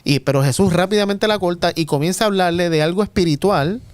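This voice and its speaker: A man leads a group Bible study in conversational tones, calling on people to read passages. His voice is smooth and clear, a bit higher than most, and recorded dry and close. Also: fast talker, dry recording. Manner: conversational, asks group to look up verses. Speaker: Sabbath School discussion leader. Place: church room.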